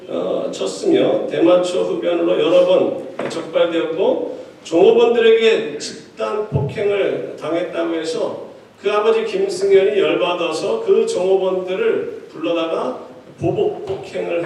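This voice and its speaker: A man with a high voice, some vocal fry, a slightly mellow quality, and a faint hiss or hum preaches a sermon as pastor to his congregation. He keeps it chatty and joking, tossing quips to the people in the church sanctuary. The mic is distant and the hall is echoey.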